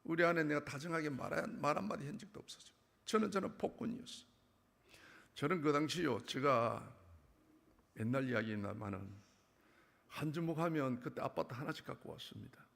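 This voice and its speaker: A middle-aged man giving an emotional church testimony, pleading tearfully and swinging from hushed to loud. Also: on the high side, gravelly. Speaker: testimony speaker. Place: church sanctuary. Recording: church hall reverb.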